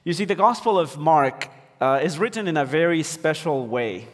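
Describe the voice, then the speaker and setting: Pastor from Ecuador in a reverberant hall. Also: male voice, on the high side, animated, normal speed. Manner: hesitant, many fillers and restarts. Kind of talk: sermon. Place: church sanctuary.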